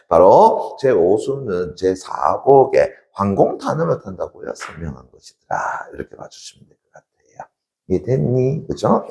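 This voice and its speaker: A man's voice: medium pitch, creaky, a little mellow, echoey room. A man teaching a literature class in a lecture style, asking rhetorical questions and answering them himself.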